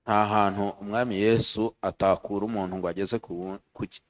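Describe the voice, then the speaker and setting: A man from Rwanda giving an earnest church testimony, speaking in short phrases and pausing so an interpreter can follow. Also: fairly low pitch, steady tone. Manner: earnest, pauses for interpreter after each phrase.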